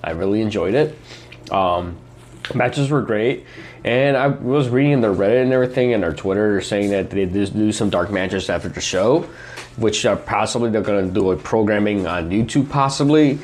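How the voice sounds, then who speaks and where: A man's voice: fairly low pitch, normal speed, darkish tone. A young man hosting a casual pop culture podcast, rambling with lots of fillers. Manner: rambling, filler-heavy, eating while talking. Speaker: podcast host.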